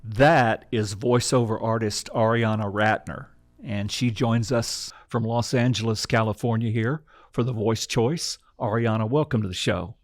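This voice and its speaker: A man's voice: on the low side, a little slow, hardly any pauses, no echo. A man hosting an interview show, asking questions in a friendly conversational way with occasional ums. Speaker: show host.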